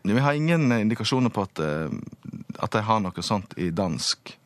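A male linguist being interviewed, explaining patiently and pausing often to find his words. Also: lowish voice, big pitch swings, dry recording. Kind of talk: radio interview.

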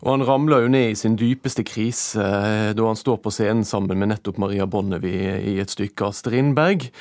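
A man's voice: mid-range voice, a little mellow, no room sound, clean studio sound. A man giving a spontaneous book review in a radio interview, with wry, figurative phrasing.

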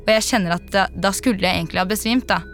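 A young woman giving a vivid eyewitness account in an interview, acting out the shouts of people around her. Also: mid-range voice, soft background music. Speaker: interviewee, partygoer.

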